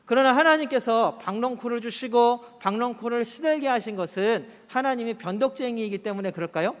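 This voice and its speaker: A man's voice: extremely high pitch, a little fast. A man preaching a Sunday sermon as pastor, asking his congregation questions in a conversational way. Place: church sanctuary. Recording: church hall reverb.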